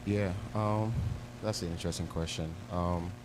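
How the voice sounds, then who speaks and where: A young man from Cameroon talks on a panel in a low voice, hesitating with lots of fillers. The recording carries clear background noise. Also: steady tone, normal speed. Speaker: panelist, content creator. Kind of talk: panel discussion. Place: church event hall. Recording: noisy event recording.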